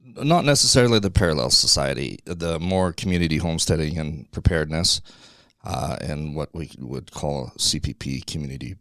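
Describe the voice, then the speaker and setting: Gravelly deep-voiced guest, a man. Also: lively intonation, moderate pace, a bit bright, no echo, clean studio sound. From Alberta, Canada. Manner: joking, easygoing. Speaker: podcast guest. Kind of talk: casual interview chat.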